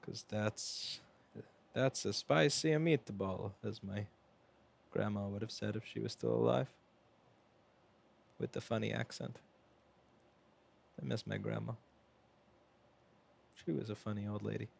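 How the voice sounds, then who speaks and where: Repair shop owner, low and gravelly, chatty live commentary to viewers. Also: male voice, little pitch movement, measured pace, pauses often, a little mellow. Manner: casual, chatty, talks to chat while working.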